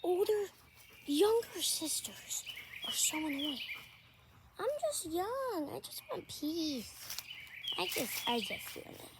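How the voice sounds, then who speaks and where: A young person putting on a high, whiny pet dog. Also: big pitch swings, slow pace, pauses often, heavily acted. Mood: whiny, annoyed. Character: bickering pet dog sisters, whiny, easily annoyed. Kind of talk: playful voice-over of pet dogs. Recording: noisy outdoor amateur recording with birdsong. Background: birdsong and outdoor noise.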